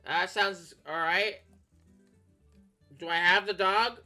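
A man giving joking, casual commentary as he plays a video game, now and then breaking into excited shouts. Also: high voice, takes it slowly, soft background music. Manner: joking, bursts into shouts while playing. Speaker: gaming YouTuber.

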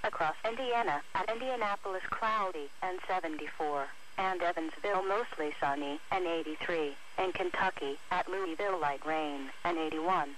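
Over a noisy weather radio broadcast, a computer-generated woman's voice reads out a scripted bulletin like an automated announcer. It sits fairly low, sounds a bit bright, and runs at normal speed with few pauses.

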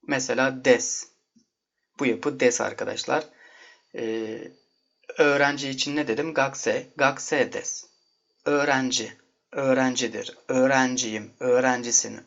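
A man's voice: medium pitch, vocal fry. A man teaching an online video lesson, patiently explaining and addressing viewers as friends. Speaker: language teacher. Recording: dull lo-fi audio.

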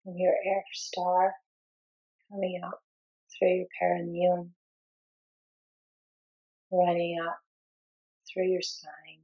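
A woman guides a meditation with soft, calming instructions, using short, unhurried phrases separated by long pauses. Her voice sits somewhat low and monotone, and the sound is lo-fi.

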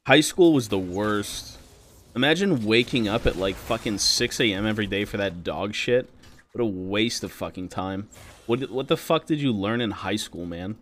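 A man's voice: fairly low pitch, lively intonation, moderate pace, a bit bright. A man streaming a video game, chatting casually while he plays, swearing freely and trash-talking his teammates. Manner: joking, self-amused. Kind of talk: casual gaming commentary.

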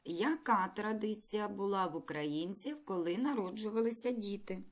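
In a recorded video, a woman teaches a primary school lesson, speaking clearly, patiently, and encouragingly. Her voice is mid-range and her speed normal.

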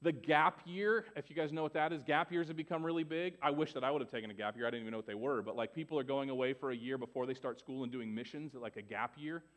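A man's voice: mid-range voice, quick pace, few pauses. A pastor in his forties giving a sermon in church, conversational, often asking "right?" and restarting his sentences. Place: church sanctuary.

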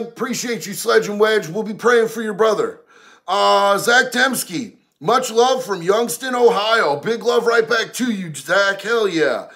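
Man, casual livestream chat, slangy and candid, high voice. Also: a bit bright. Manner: slangy, candid, talks about prison life. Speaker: streamer reading viewer messages.

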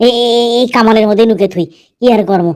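Guy doing a goofy whiny army recruit, high pitched, bogura accent, muttering to himself, comedy dub. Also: quick pace, darkish tone, natural voice. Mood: flustered. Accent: Bogura, northern Bangladesh. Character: bumbling, greedy, whiny young male army recruit. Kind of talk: comedy dubbing in dialect.

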